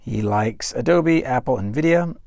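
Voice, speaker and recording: A man's voice: mid-range voice, animated, a little slow, vocal fry, darkish tone, no room sound, clean studio sound. A man hosting a finance podcast in a conversational manner, reading out news articles and speaking straight to the listener. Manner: conversational, reads quotes aloud and talks straight to the listener. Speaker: finance show host.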